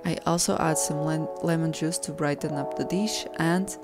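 A woman calmly narrating her home cooking video, soft and unhurried, sometimes correcting herself mid-sentence. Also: low-pitched. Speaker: cooking vlogger. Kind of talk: calm voice-over narration. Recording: voice-over with soft background music.

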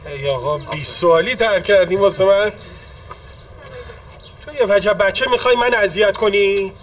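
A man's voice: on the high side, fairly bright tone, distant mic, slight background noise, close to an everyday voice. A man playing a flustered, defensive cash claimant. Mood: indignant. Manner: defensive, agitated pleading.

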